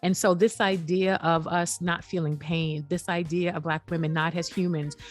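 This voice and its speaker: Low-voiced woman explaining earnestly. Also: level tone, moderate pace, soft background music. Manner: earnest, explanatory, frequent "you know". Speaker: guest, app founder. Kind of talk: podcast interview.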